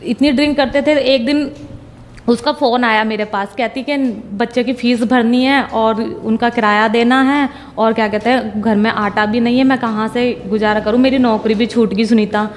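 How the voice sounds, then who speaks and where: A woman's voice: fairly high pitch, fairly even intonation, moderate pace, big-room sound, a little hiss or hum. A young woman giving a personal testimony, retelling conversations at length and repeating "I said".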